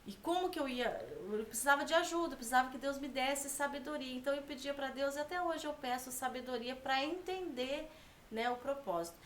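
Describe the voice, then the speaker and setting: A woman's voice: high-pitched, fairly quick, reverberant, a little hiss or hum. A Brazilian woman guest telling a heartfelt personal story in conversation, often ending phrases with tag questions. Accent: Brazilian Portuguese. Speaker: podcast guest.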